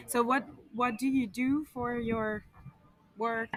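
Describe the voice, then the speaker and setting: A woman's voice: fairly high pitch, steady tone, takes it slowly, dry recording. Hesitant woman asking questions. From Netherlands. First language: Dutch. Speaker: researcher interviewer. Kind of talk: interview questions.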